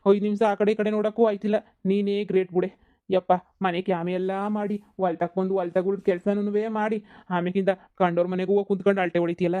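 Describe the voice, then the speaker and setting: A woman's voice: mid-range voice, warm tone, natural voice. A woman voicing a tired, grumbling village husband in a cartoon comedy, complaining. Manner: complaining, rushed.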